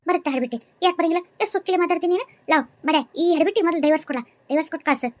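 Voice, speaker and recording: A shrill scolding mother-in-law. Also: very fast, dry recording. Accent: North Karnataka Kannada. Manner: scolding, cursing, wailing.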